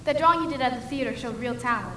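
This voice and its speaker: A young woman on a school stage playing an ambitious young reporter who talks briskly and persuasively. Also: a little high, a bit bright, close to an everyday voice. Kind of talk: school stage musical acting. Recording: echoey hall, faint noise.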